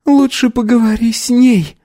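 A man's voice: very high voice, steady tone, moderate pace, mellow, dry recording, studio quality, voice pushed up. Marianna, a man voicing a scornful young woman. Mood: mocking. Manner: mocking, contemptuous.

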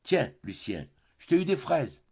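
Guy reading a sweet devoted young sister, soft and gentle, gravelly husky voice, muffled audio. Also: a little high, very animated, unhurried, exaggerated voice. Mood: tender.

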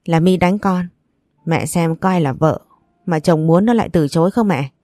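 Brief: female narrator doing a crude husband in an audio story, low voice, dry close sound. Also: moderate pace, mellow, no echo, close to an everyday voice. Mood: sulky. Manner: demanding, sulky. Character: crude, pushy young husband.

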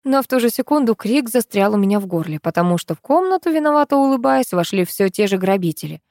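A woman reading a first-person novel aloud, animated and quick to leap up in pitch when her character exclaims. Her voice sits at an ordinary middle pitch. The studio sound is dry and close, with no room echo. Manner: lively, jumps up in pitch for exclaimed lines. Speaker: audiobook narrator.

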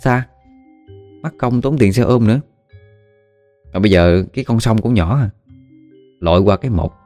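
Man, Southern Vietnamese accent, casual storytelling, relaxed low mellow voice, drifting filler sounds. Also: moderate pace, no echo, faint music behind. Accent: Southern Vietnamese, Mekong Delta. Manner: folksy, rambling, with frequent "à" fillers.

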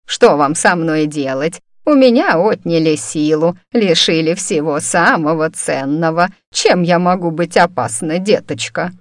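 A woman's voice: low-pitched, no echo, studio quality. A woman voicing an embittered old witch. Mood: weary, stubborn. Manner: slow, quavering, flares into angry shouts. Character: frail, bitter old woman, stripped of magic.

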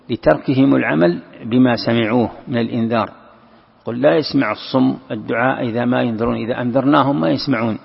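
A man teaching a Quran commentary lesson, explaining step by step, repeating key phrases and slowing down to recite verses. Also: mid-range voice, vocal fry, slightly rough. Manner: explains step by step, repeats key phrases, asks and answers his own questions. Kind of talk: classroom commentary on a classical text. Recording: lo-fi recording in a long-reverb hall.

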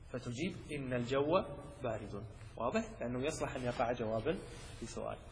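A man giving a classroom lecture in a large hall, with a voice that sits a little high and a long reverb trailing his words. He builds each rule step by step, stops to check that his listeners follow, and slows down for the verses. A faint hiss runs under the recording. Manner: recites verses slowly and clearly. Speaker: sheikh teaching Arabic rhetoric.

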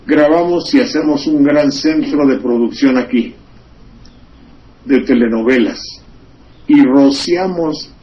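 A man's voice: medium pitch, steady tone, unhurried. A Mexican man at a studio microphone wanders through sardonic political commentary, full of asides and wordplay. His voice sits in a middling register. The radio recording sounds slightly dull and lo-fi. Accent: Mexican Spanish.

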